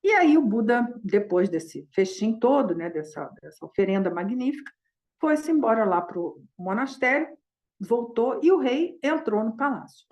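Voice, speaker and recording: A woman leads a dharma talk by retelling an old story. She speaks informally, with frequent fillers and restarts. Her voice sits somewhat high. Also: very animated, moderate pace, a little mellow. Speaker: Buddhist dharma teacher.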